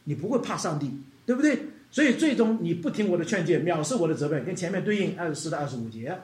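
A man preaching a sermon in a lively way, dropping in English words and acting out quoted voices. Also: a little high, fast, reverberant.

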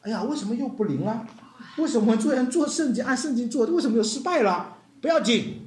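Brief: lively preacher delivering a sermon, questions the flock, mixes in English words; wide-ranging pitch, hall echo. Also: fast. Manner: asks the congregation questions. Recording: echoey hall.

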